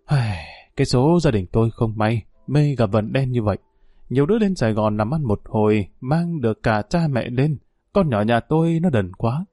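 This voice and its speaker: A man's voice: medium pitch, lively intonation, moderate pace, mellow, no echo, clean studio sound, lightly acted. A man voicing a poor, weary old man with a Northern Vietnamese accent, who talks in sighs and mournful tones. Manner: sighing, mournful talk.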